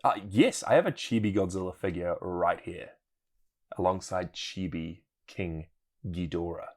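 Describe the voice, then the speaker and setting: A man co-hosting a podcast in casual chat, reacting with sudden excited jumps in pitch. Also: measured pace. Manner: animated reactions, jumps up in pitch when surprised. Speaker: podcast co-host.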